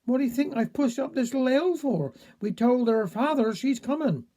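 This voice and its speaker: A man voicing a brisk, no-nonsense Cornish village woman who speaks matter-of-factly. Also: very high voice, expressive, mellow, voice pushed up.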